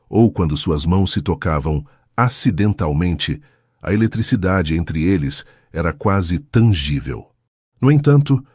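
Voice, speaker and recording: Narrator, male, very deep and husky, measured dramatic reading, dry close sound. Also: darkish tone, no room sound. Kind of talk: scripted romance narration.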